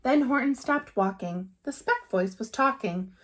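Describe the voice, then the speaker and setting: A woman's voice: fairly high pitch, expressive, unhurried, fairly bright tone. A woman reading a rhyming picture book aloud with expression, like a teacher to pupils.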